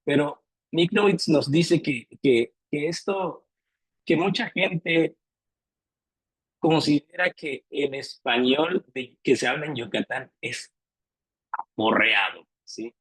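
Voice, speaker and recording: A man's voice: on the high side, slow pace, fairly bright tone, husky, no room sound, rough recording. A man giving an academic lecture, hesitant, repeating words and often checking in with his listeners.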